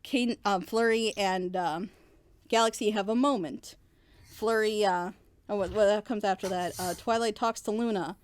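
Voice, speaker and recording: A woman reviewer on a reaction show speaks at medium pitch and normal speed. She's casual and opinionated, with emphatic, rambling explanations and rhetorical questions.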